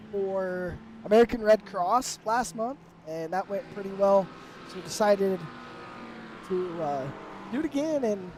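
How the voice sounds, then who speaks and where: A man's voice: high-pitched, a little mellow, slight background noise. A man commentating a live sim race, upbeat and rambling with fillers, his voice worn from the flu. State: sick with flu.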